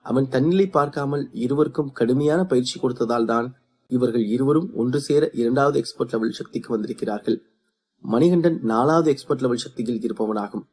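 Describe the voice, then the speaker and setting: A man reads a serialized fantasy story aloud in a steady, even way. His voice is dark and mellow with a husky texture. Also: medium pitch, fairly quick. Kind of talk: scripted story narration.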